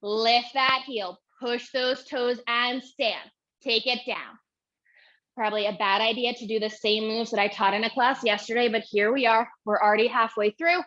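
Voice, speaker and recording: A woman's voice: fairly high pitch, fairly even intonation, moderate pace, fairly bright tone. A young woman teaching a Pilates workout, counting reps and cueing moves while she exercises, short of breath. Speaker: Pilates instructor. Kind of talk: guided workout instruction. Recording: dull lo-fi audio.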